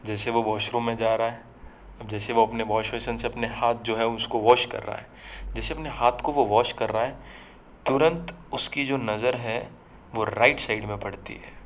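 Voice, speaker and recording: A man's voice: mid-range voice, steady tone, moderate pace, slight background noise. Man telling a horror story. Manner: conversational, addresses listeners directly.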